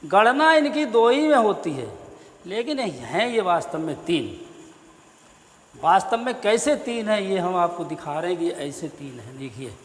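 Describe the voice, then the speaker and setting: A male Hindi teacher giving a slow, deliberate grammar lesson, spelling sounds out one at a time. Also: sits high, big pitch swings, a bit bright, in a large hall. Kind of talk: classroom-style explanatory lesson.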